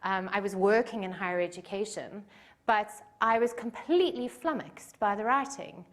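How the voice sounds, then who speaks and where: Speaking at a medium pitch and moderate pace, a South African woman in her forties delivers a conference talk in a conference room. She comes across as chatty and self-deprecating, filling her speech with lots of fillers.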